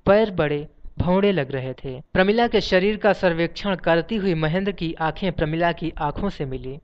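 Measured audiobook narrator, dull lo-fi sound. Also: medium pitch, clean tone. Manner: steady, measured reading that includes page numbers aloud. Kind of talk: literary story reading. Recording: dull lo-fi recording.

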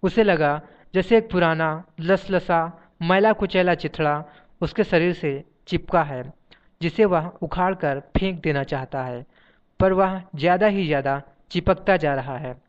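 A man narrating a novel as an audiobook in a measured reading voice, on a dull lo-fi recording. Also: fairly high pitch, clear, resonant tone. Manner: measured, reads page numbers aloud.

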